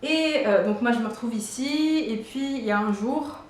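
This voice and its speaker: A vlogger in her twenties casually tells a personal story in a chatty way, packed with fillers and restarts. Her voice is fairly high and moves at a moderate pace. The room is very echoey, with faint noise.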